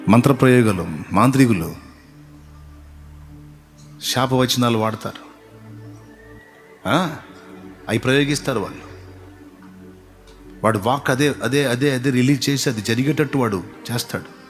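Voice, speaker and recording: A man preaching a sermon as pastor, telling stories and building to loud repeated appeals. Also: medium pitch, measured pace, long pauses, faint music behind. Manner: storytelling that acts out quoted voices.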